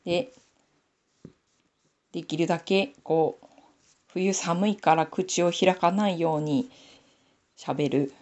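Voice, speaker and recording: A woman's voice: fairly low pitch, steady tone, slow pace, long pauses, darkish tone. A woman with a Nanbu Aomori accent, chatting casually to herself while knitting a sock on camera. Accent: Nanbu dialect of Aomori. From Aomori, Japan. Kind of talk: casual knitting tutorial chat.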